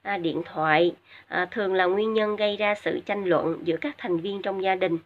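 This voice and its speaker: Vietnamese teacher with hesitant fillers, lo-fi. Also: female voice, medium pitch, steady tone. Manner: explains each word in Vietnamese, many filler sounds, drills English words slowly twice. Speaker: English teacher. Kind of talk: recorded video lesson for high school students. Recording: dull lo-fi recording.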